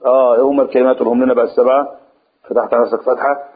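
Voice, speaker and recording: Man, Egyptian accent, religious lesson, slow recitation with quick asides, tinny recording. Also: mid-range voice, level tone, breathy edge. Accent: Egyptian Arabic. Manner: explanatory, slow drawn-out recitation then fast asides. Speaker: Quran tafsir teacher.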